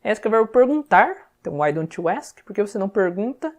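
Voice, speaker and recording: A woman's voice: mid-range voice, big pitch swings, fast. A woman with a Brazilian Portuguese accent explains English expressions in a casual, chatty way. She keeps checking in with her viewers as she goes. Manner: chatty, repeats "tá?" to check understanding. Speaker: English teacher.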